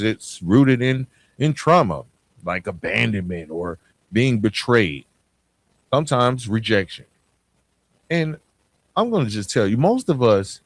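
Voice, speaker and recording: A podcast host with a lowish voice, recorded with no echo, delivers a motivational talk directly to his listeners. He is emphatic and direct, repeating phrases to give them weight.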